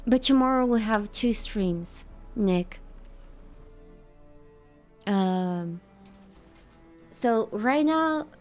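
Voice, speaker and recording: A woman's voice: fairly high pitch, darkish tone. A woman livestreamer chatting casually with her viewers while gaming, thanking them and answering their questions.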